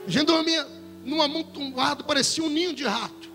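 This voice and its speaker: High-voiced impassioned male preacher. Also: moderate pace. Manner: impassioned preaching, swelling into shouts and near-singing. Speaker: pastor. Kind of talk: sermon. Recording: music under a long hall reverb.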